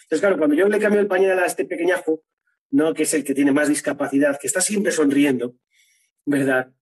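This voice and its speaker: Man, husky, a bit high, earnest, interview testimony, tag questions. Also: a little fast, a little mellow, poor audio. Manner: earnest, tags phrases with "¿no?".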